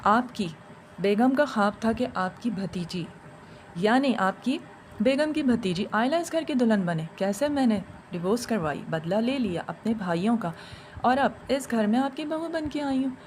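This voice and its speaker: A woman's voice: on the high side, lively intonation, a little hiss or hum, natural voice. A woman voicing a vengeful young female jinn bride, speaking in a taunting, menacing way.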